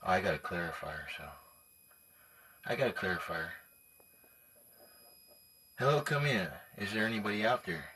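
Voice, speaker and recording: His voice is low, bright and forceful, with lively intonation at a moderate pace and long pauses. He's a CB radio hobbyist checking a vintage set at his cluttered indoor workbench, chatting casually in short, clipped calls and muttering to himself, captured on a clearly noisy handheld recording full of clicks.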